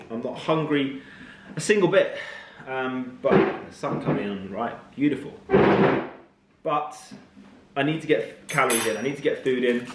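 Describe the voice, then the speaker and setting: A man's voice: mid-range voice, reverberant, slight background noise. A man, a fitness coach talking casually to camera, chatty and blunt. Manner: chatty, blunt, matter-of-fact. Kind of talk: casual vlog talk to camera.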